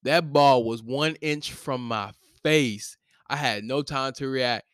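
A man's voice: medium pitch, slow, a bit bright, clear, resonant tone, no echo. Casual young male podcast co-host, laid-back slangy storyteller, dry close mic. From St. Louis area.

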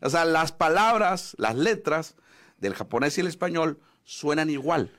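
A man co-hosting a sports radio show in casual, animated chat. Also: fairly high pitch, unhurried. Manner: lively, animated, jokes and laughs.

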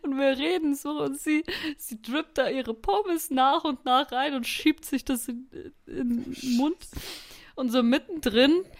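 A woman's voice: high-pitched, measured pace. Young woman telling a story. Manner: animated storyteller, often bursts into laughter. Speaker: podcast co-host. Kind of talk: casual podcast chat, storytelling.

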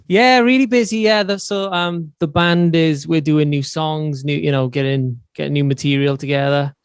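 A man's voice: fairly high pitch, moderate pace, smooth, no echo. Podcast guest, male, Swansea Welsh accent, clean tone, close dry sound, matey and informal. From Swansea, Wales. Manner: matey, informal, peppered with "you know". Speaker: podcast guest, band musician and songwriter. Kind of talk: casual interview chat.

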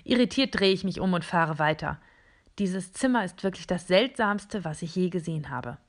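A woman narrating a first-person children's story in a calm, deliberate way. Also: on the low side.

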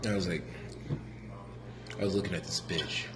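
Low-ish guy cracking up telling stories, echoey, crowd noise. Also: steady tone, normal speed. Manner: laughs often, profane, acts out voices. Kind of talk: casual chat. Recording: echoey room with crowd behind.

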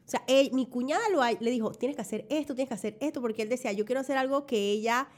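A young adult woman, telling a story in an effusive, animated way as a guest in casual chat. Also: a little high, quick pace.

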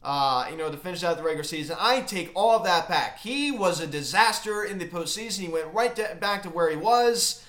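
A man hosting a casual sports recap, talking in a halting, emphatic fan's manner, recorded in an empty closet. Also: high voice, animated, fairly bright tone. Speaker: sports recap video host. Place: empty unfurnished closet in a home. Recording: echoey small bare room.

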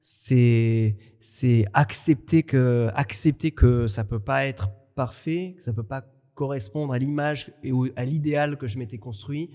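Dark-voiced French man, halting. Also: mid-range voice, big-room sound. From France. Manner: thoughtful, halting, many restarts. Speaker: podcast co-host. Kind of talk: casual conversation.

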